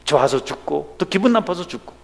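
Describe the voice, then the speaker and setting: Male pastor, lively pitch, long hall reverb. Animated sermon delivery with sudden loud peaks. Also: a little fast, gravelly. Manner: animated preaching with dramatic swings in loudness. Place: church sanctuary.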